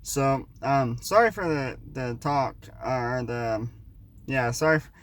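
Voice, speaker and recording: A man in his twenties with a slight lisp, chatting casually to his vlog audience, talking fast and rambling with restarts and fillers. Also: medium pitch. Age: 20s. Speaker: vlogger.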